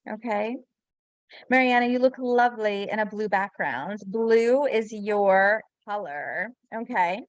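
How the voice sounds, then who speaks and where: A woman's voice: mid-range voice, slow pace, dry recording, highs cut off. A woman hosts a webinar over a video call, talking in a gushing, emotional way. Her voice sits mid-range and sounds dry, with no room around it. She chats casually rather than reading. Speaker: webinar host.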